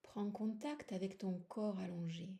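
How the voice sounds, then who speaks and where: A woman with a medium-pitched, creaky voice and fairly even intonation guides a yoga nidra relaxation. She moves slowly and soothingly through short phrases and long pauses, her soft voice at times nearing a whisper.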